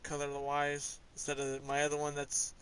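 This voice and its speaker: This is casual gameplay commentary from a gamer showing off his garage: a man with a slightly high, fairly bright, monotone voice talks offhandedly through his game car collection at a moderate pace, rambling with small hesitations. The recording is rough, with slight background noise.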